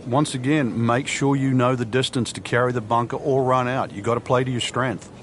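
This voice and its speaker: A man's voice: medium pitch, fairly even intonation, brisk, natural voice. A man as a golf commentator, explaining the course in a conversational analyst's style. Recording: faint crowd and outdoor noise. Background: faint golf crowd and outdoor ambience.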